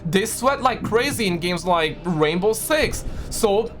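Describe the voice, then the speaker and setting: Male gaming streamer, high voice, slangy emphatic reaction commentary, faint music underneath. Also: expressive, takes it slowly, fairly bright tone. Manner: slangy, emphatic, repeats phrases.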